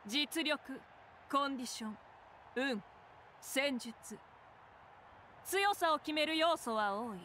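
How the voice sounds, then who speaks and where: A commanding game warrior queen, solemn and proud in ceremonial speech. Her voice is high and forceful, with clear background noise. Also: expressive, slow, long pauses, full character voice.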